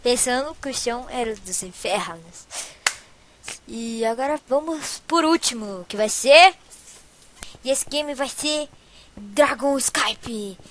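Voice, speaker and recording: A woman's voice: on the high side, animated, unhurried, slight background noise. A woman hosting Minecraft gameplay commentary, prone to panicky shrieking and dramatic exclamations. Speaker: gaming channel host.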